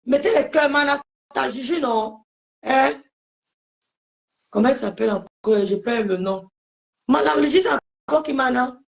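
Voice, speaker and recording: A woman's voice: high voice, normal speed, creaky, long pauses, poor audio. A woman hosting a casual live stream, speaking emphatically to her viewers and often repeating her phrases.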